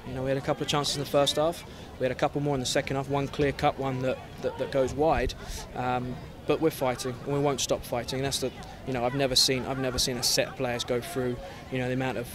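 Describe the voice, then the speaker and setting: A man in his thirties, a head coach giving a candid post-game interview outdoors at a field at night. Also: medium pitch. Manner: candid, reflective, many restarts. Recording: stadium crowd behind.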